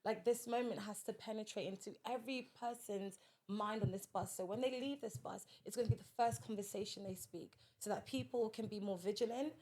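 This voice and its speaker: A woman's voice: mid-range voice, fairly quick, a little mellow. A woman, a podcast guest, telling a personal story in a direct, earnest way in casual conversation.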